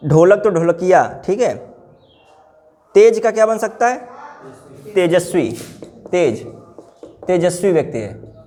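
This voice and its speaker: A man's voice: high-pitched, animated, takes it slowly, long pauses, mellow. A man teaching a grammar class, repeating each word and putting questions to his students. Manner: drilling words, repeating answers, asking the class questions.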